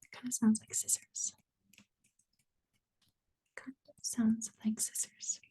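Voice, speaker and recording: Whispering slowly near the microphone, a young adult Canadian woman who makes ASMR videos rambles in a casual, apologetic way. Her breathy voice is on the high side, mellow and level in tone.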